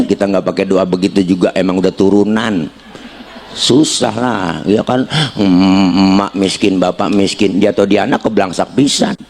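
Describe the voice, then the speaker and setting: A man preaching a comic sermon, joking and switching between raised proclaiming and low chatty asides. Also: darkish tone. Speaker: Islamic preacher. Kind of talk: comic sermon to a live congregation.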